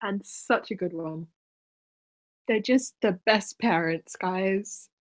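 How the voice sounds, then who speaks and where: A woman's voice: medium pitch, slow pace, no room sound. Dry-witted woman podcast co-host. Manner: dry, joking asides. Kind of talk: casual rewatch chat.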